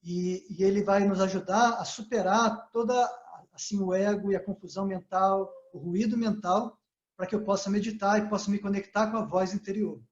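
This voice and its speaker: A man giving a calm spiritual lesson, often checking in with his listeners as he explains. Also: high voice, moderate pace. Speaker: yoga teacher. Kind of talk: spiritual talk. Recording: echoey, slightly dull sound.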